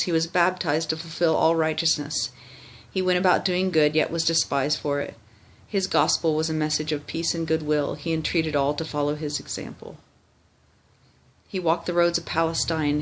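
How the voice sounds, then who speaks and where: Someone reciting scripture-like text from memory by rote, mid pitch, formal, small slips they fix. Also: little pitch movement, normal speed, a little hiss or hum. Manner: formal recitation with small stumbles and self-corrections.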